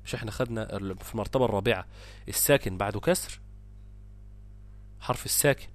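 A man with an Egyptian accent teaching a tajweed lesson. He explains each rule briskly and then stretches out the example words slowly. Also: medium pitch. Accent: Egyptian Arabic. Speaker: Quran recitation teacher.

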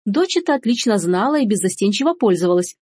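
A woman reading a fairy tale aloud in an even storytelling manner. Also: medium pitch, fast, breathy edge, no room sound, studio quality. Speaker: audiobook reader. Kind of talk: scripted fairy-tale narration.

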